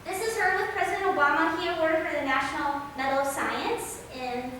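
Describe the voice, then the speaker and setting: A woman's voice: high-pitched, steady tone, a little fast, pushed and bright. A woman biologist giving an informal slide lecture in a casual, conversational way. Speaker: biologist giving an outreach talk. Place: large echoey room, speaking through a mask. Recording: very echoey hall, distant mic, faint noise.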